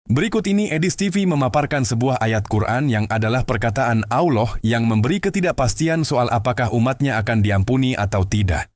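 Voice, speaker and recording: Brief: male host and narrator, even explanatory read, mid-pitched. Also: a little fast, dry recording, studio quality. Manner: steady explanatory delivery. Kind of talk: scripted commentary narration.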